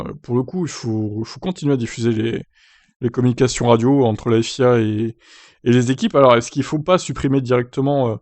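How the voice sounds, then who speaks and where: A man's voice: mid-range voice, a little mellow, no room sound. A man giving casual, opinionated commentary on sports news for his own channel, speaking in a blunt, colloquial way with some swearing.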